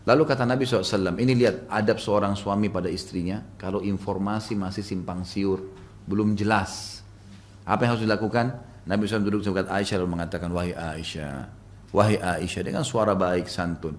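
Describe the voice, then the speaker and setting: A man preaching to a congregation, retelling a story dramatically and jumping high in pitch when he quotes the people in it. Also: fairly even intonation, rapid-fire, a little hiss or hum. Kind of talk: storytelling sermon.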